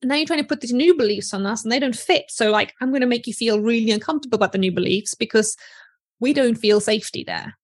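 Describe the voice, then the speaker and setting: A woman's voice: fast talker, husky, no echo, clean studio sound. A woman putting on a sneering mean-girl gremlin voice. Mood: clingy defiant. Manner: mocking, high-pitched, sneering. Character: snide mean-girl mindset gremlins, female, scornful.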